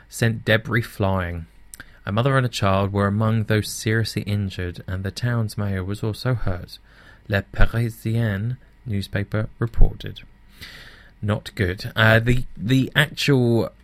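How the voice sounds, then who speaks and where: A man's voice: lowish voice, dry recording. A young British man with blunt opinions, hosting casual news commentary with many restarts. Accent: British English.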